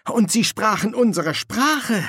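A man's voice: high-pitched, animated, takes it slowly, fairly bright tone, husky, no room sound, studio quality, voice pushed up, heavily acted. A man voicing a scruffy, timid army corporal in an audiobook, with a whiny, grumbling voice. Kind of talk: audiobook character voice.

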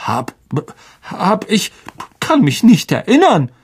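A man's voice: high-pitched, very slow, a little mellow, voice pushed up, full character voice. A man voicing a vain, cowardly male teacher who stammers, in an audiobook reading. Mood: flustered. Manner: stammering, flustered. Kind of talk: audiobook character voice.

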